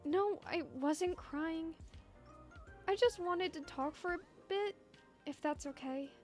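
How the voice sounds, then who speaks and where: A woman voicing a tearful young neighbor on a phone call, talking softly and hesitantly with vulnerability. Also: extremely high pitch, slow, soft background music. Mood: shaky.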